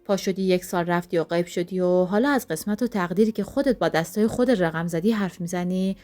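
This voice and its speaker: A woman's voice: lowish voice, a little mellow, lightly acted. A woman voicing an angry, heartbroken young man who demands answers. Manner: pleading, accusing.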